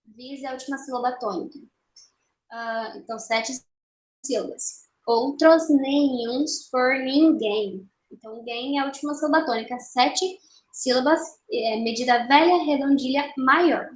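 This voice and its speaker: A young woman teaching an online literature lesson, explaining patiently and slowing down to count syllables aloud. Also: sits high, a little hiss or hum. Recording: roomy echo.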